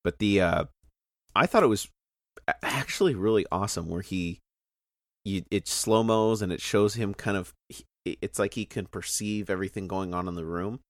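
Man co-host with a lowish voice who rambles excitedly and cuts himself off, on a dry close mic. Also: moderate pace, no room sound. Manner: rambling, animated, self-interrupting. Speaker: podcast co-host. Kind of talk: casual movie discussion.

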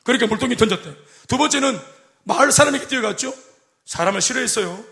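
A middle-aged man preaching a sermon as pastor, animated and joking, acting out quoted voices. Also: extremely high pitch, quick pace, gravelly. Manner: animated, acts out quoted voices and jokes with the congregation.

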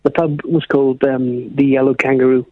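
A man's voice: medium pitch, level tone, moderate pace, no room sound. A man from South Wales with a South Welsh accent, chatting cheekily as a caller to a radio show over a phone line. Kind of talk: casual phone-in chat.

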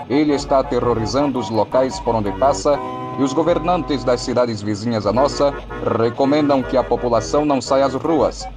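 An actor playing a radio newsreader in a drama, delivering an emergency bulletin formally and urgently. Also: male voice, mid-range voice, natural voice. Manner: formal, announcing. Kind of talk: news bulletin within a radio play.

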